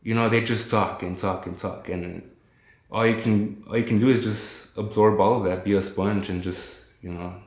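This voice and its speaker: Low and fairly even in intonation, this slightly mellow voice belongs to a man talking about his illness as a guest on a call. His moderate-paced delivery meanders thoughtfully, relaxed and sprinkled with slang, in a roomy-sounding recording.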